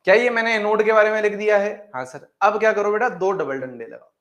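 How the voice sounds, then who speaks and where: A man's voice: sits high, quick pace, a bit bright. A man teaching chemistry in a live online class, joking with students, often asking a question and then answering it himself. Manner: bantering, repetitive, calls students "beta", asks and answers own questions.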